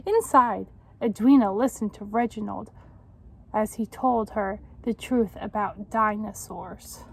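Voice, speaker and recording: A woman with a medium-pitched, gravelly, husky voice reads a children's picture book with expression and encouragement, breaking off to put questions to young listeners the way a teacher would.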